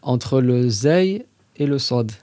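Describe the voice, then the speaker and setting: The podcast's religious teacher, a warm-toned man, keeps his explanatory lesson casual and animated, his medium-pitched voice carefully and slowly reciting Arabic verses within a conversational delivery. The recording is dry.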